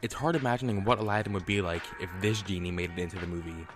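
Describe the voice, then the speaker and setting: Male list narrator, lowish voice, measured scripted read, faint music. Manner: measured, informative.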